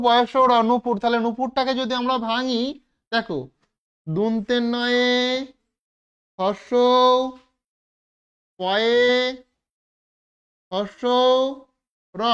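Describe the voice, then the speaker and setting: A woman teacher giving a classroom lesson to children, spelling out words slowly letter by letter and checking that everyone understands. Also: on the high side, clear, resonant tone. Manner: slow, step-by-step spelling out of letters. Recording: dull lo-fi recording.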